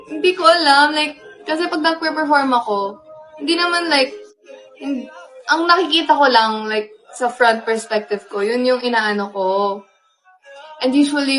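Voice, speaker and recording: A young woman with a Filipino accent, casually telling a story, animated and laughing as she acts out what was said. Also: fairly high pitch, rough recording. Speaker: pop group member.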